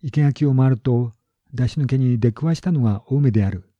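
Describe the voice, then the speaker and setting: A male narrator reads a classic story in calm, measured phrases. His voice is very dark and mellow, close and dry, and the recording sounds dull and lo-fi. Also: medium pitch, dry recording. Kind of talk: scripted narration of a literary story.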